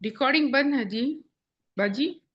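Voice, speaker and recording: Higher-voiced woman on a dull call line. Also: measured pace. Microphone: online call.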